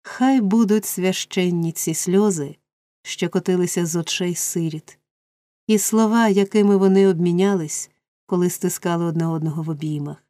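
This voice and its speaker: A woman narrates a classic novel in a measured, expressive way. Her voice is low and mellow. The recording is close and dry, with no room sound. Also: dry recording. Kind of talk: scripted audiobook narration.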